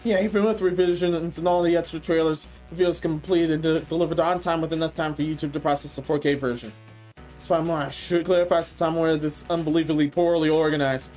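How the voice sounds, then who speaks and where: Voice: medium pitch, steady tone, quick pace, a little mellow, soft background music. A commentary host talking casually, blunt and profane, and sounding tired.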